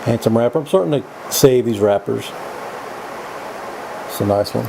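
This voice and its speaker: A man giving a casual, opinionated vlog monologue in a folksy, halting way, often repeating his words as he goes. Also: medium pitch, gravelly, background noise. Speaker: vlog host. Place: indoors.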